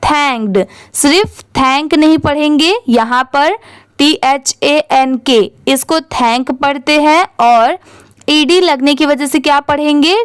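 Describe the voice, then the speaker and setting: A woman's voice: high-pitched, takes it slowly, dry recording. A young Indian woman teaching English reading, spelling words letter by letter and questioning the viewer. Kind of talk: slow spelling-out lesson.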